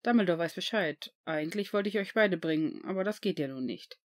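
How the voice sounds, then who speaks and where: A woman doing a low, gruff potions master. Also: expressive, fairly quick, lightly acted. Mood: calm. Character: calm, gruff adult male potions master.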